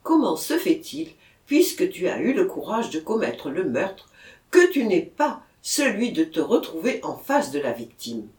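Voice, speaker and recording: A reader voicing a worried village mayor who coaxes a confession gently, in a storybook reading with a roomy echo. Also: mid-range voice, wildly swooping pitch, unhurried. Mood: coaxing. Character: kindly, worried village mayor, older man.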